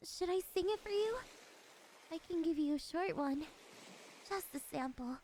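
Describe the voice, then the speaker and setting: In this ASMR roleplay, a woman voices a siren in a high, feminine tone, animated and at a normal speed, over some background noise. She sounds shy and hopeful, lonely and curious as she wistfully draws the listener in, though her polite manner hides a possessive, quietly menacing streak.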